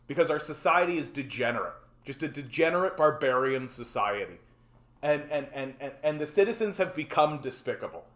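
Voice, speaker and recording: A man in his forties from Canada, hosting a solo livestream in a frustrated, rambling rant full of stammered repeats. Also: a little high. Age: 40s. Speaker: livestream host. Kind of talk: ranting solo livestream talk. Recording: roomy echo.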